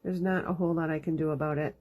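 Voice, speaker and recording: Talking very fast, this woman has a low, darkish voice with fairly even intonation. She hosts a live card-making demonstration in her craft room and chats through every step, sniffling and stuffy from allergies. Behind her, a dog drags its bed around.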